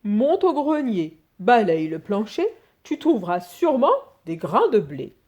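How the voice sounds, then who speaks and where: A woman doing a loud, bossy old farmer. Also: mid-range voice, big pitch swings, a little slow. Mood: commanding. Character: bossy old country man.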